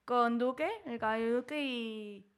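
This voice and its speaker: Slow-speaking young woman, radio guest. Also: fairly high pitch, clean tone. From Spain. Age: 20s. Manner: short, hesitant answers. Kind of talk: casual radio interview.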